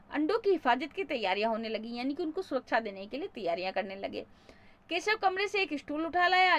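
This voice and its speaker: A middle-aged woman teacher with a high voice reads a story to schoolchildren. She gives the characters' lines a lively read, then goes back over each passage in plain, simple words. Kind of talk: reading a story aloud and explaining it for school pupils.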